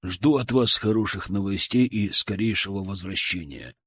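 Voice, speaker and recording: Narrator playing a cagey calm boss, low measured delivery, husky, dry sound. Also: male voice, dry recording, exaggerated voice. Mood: businesslike. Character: calm older male boss, secretive.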